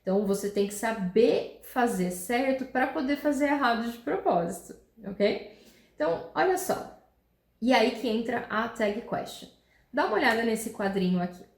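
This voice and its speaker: Speaking Portuguese, this woman teaches English grammar with patience, reading each English example slowly and clearly and tagging on "tá?" or "né?" to check in. She sounds expressive and somewhat high-pitched, and the recording has a roomy echo.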